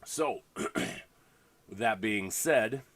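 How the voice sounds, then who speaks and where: Male league host, congested, low-pitched, loose rambling livestream chat with fillers. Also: extremely slow, fairly bright tone, no echo. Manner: rambling, full of fillers and restarts.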